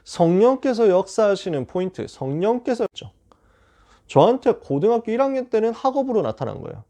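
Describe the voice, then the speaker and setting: Male youth preacher with a raspy, warm voice, storytelling humor, emphatic delivery. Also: high voice, a little fast. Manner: animated, joking storyteller. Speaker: youth pastor. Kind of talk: sermon to high school students.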